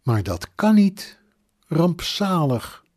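A male audiobook reader voicing a startled, stern middle-aged mother and grandmother who asks sharp, alarmed questions. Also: fairly high pitch, very animated, unhurried, slightly rough, voice pushed up, heavily acted. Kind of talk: audiobook narration.

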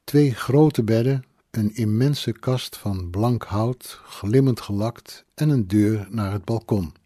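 A male audiobook narrator reading a first-person story in a measured, plain storytelling manner. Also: lowish voice, warm tone, no echo, studio quality.

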